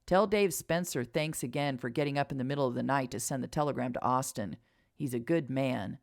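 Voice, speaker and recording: A woman voicing a tired, gruff frontier sheriff who talks bluntly in a storybook reading. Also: rumbling low, a little fast. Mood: weary.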